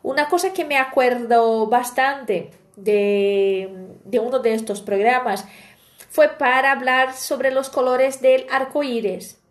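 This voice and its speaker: High-voiced woman teaching casually. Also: takes it slowly. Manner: chatty, explaining with anecdotes and frequent "¿bien?". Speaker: language teacher. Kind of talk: online language lesson.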